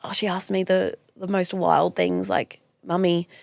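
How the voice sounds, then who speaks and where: A woman's voice: on the low side, level tone, a little slow, creaky, no echo. A woman, a guest talking earnestly and reflectively in a podcast interview. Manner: earnest, reflective, frequent restarts. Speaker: guest, clinical nutritionist.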